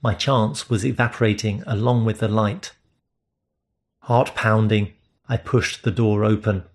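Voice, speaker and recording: A man's voice: lowish voice, steady tone, unhurried. Man narrating a romance audiobook. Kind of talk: first-person romance narration.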